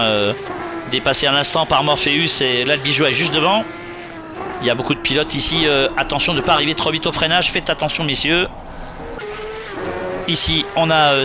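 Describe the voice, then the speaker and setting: Male race commentator, slightly high pitch, running motorsport play-by-play with standings recaps, car noise clearly behind. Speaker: motorsport commentator for an online sim racing league. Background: racing car sounds.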